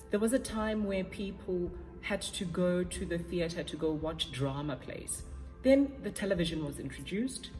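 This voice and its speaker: Low-voiced woman from South Africa. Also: a little mellow. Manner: thoughtful, measured, with fillers. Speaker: ballet dancer and competition juror. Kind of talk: interview answers. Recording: long hall reverb with faint music. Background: faint music.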